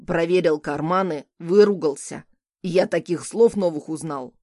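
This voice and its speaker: Woman doing a cheeky teenage boy, eager outbursts, lowered voice, dry sound, audiobook character. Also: measured pace, darkish tone, no room sound.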